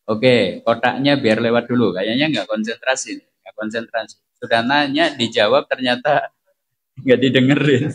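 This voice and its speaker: A man's voice: medium pitch, normal speed. A man leading a religious study session, taking questions and asking the audience rhetorical questions in a conversational way. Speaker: preacher.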